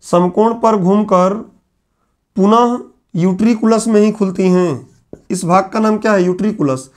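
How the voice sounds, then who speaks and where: High-voiced man dictating a lecture. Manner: repeats key phrases slowly for dictation. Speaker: exam coaching teacher. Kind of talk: classroom lecture. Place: classroom with whiteboard.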